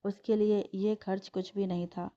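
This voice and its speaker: A woman reading a family story aloud in a plain, steady way. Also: mid-range voice, normal speed. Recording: dull lo-fi recording.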